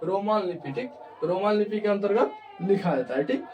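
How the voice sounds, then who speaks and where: Man, high voice, distant mic, grammar teacher, checking in with students often. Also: lively intonation, moderate pace, dull audio, slight background noise. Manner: repeats checks of understanding. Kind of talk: online grammar lesson.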